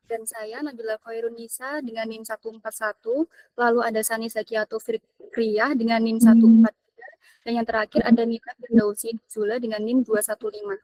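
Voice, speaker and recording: A young woman introduces her group to the class and lays out the topics in a formal, list-like way. Her voice sits a little high. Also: mellow, low-quality recording. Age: young adult. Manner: formal, reads a list of points. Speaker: student presenter.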